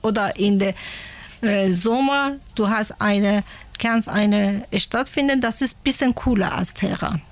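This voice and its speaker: A woman from Iran speaks in a casual radio interview. She talks slowly, with pauses and restarts as she searches for words. Her pitch sits at a middle level. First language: Persian. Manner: halting, searching for German words. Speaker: interviewee, mother.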